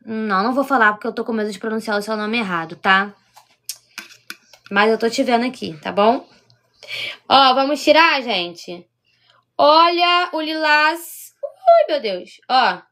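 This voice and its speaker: A woman's voice: on the high side, bright, forceful tone. A woman with a Carioca accent from Rio de Janeiro, leading a live-streamed baking demonstration and chatting with viewers as she works. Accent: Carioca Portuguese. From Rio de Janeiro, Brazil. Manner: chatty, keeps checking in with viewers. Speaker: baking instructor.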